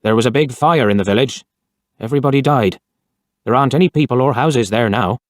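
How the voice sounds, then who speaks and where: A man voicing a wary, grave garage man in a storybook reading, telling a tale slowly and solemnly. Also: mid-range voice, no echo, clean studio sound, lightly acted.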